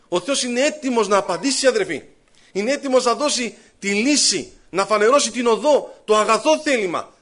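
A man's voice: high voice, fairly bright tone. A man preaching a sermon, telling his own story and voicing his thoughts and prayers. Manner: rising fervent pleading in prayer.

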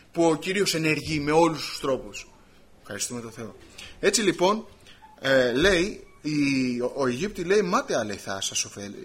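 A man preaching a sermon, animated, swinging between loud emphasis and quiet asides. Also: on the high side, breathy edge.

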